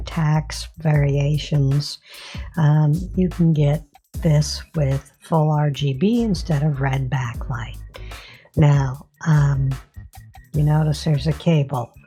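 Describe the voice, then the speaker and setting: A woman's voice run through a voice modulator, pitched low and mellow. She drawls slowly through a casual product review, stopping often for ums and restarts, with faint music in the background. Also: steady tone. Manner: rambling, filler-heavy, halting.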